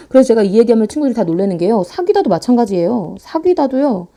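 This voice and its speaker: A woman teaching a grammar lecture online in a playful, animated way, talking fast and sometimes acting out students' voices. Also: a little high, creaky. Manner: talks fast to save time.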